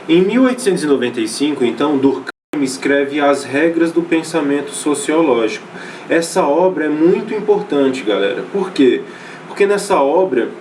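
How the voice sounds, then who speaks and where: His voice is fairly high with a darkish tone, picked up from a distance against slight background noise. Speaking with a Brazilian Portuguese accent, he gives a loose, conversational online sociology lecture, often restarting phrases, using lots of fillers and checking in on his students.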